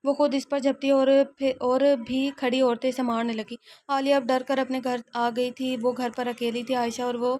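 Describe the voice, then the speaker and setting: A woman reading a romance novel aloud as narrator, steady with frequent restarts. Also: on the high side, dry recording.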